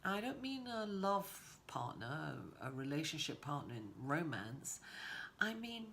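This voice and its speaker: A woman doing a casual tarot reading in a rambling, informal way, her voice raspy and hoarse from a cold. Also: deep voice, very animated, measured pace, a bit bright, a little hiss or hum. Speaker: tarot reader giving a weekly horoscope reading.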